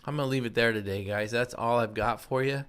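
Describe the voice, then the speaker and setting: A man's voice: medium pitch, a little fast, fairly bright tone, smooth. A man, giving a casual, earnest motivational talk. He reflects on his own failings in a self-deprecating way. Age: 50s. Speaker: self-improvement podcast host.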